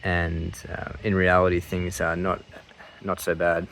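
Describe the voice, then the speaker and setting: Very deep-voiced man, casual and rambling. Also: monotone, unhurried, creaky, a bit bright, a little hiss or hum. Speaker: vlogger sharing surgery recovery update.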